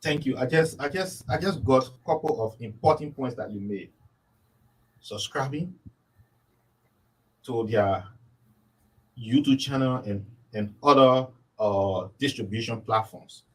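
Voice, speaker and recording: A man's voice: mid-range voice, unhurried, pauses often, a bit bright, slightly rough, recorded from a distance, poor audio. A man hosting an interview, earnest and often repeating his words. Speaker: interview host.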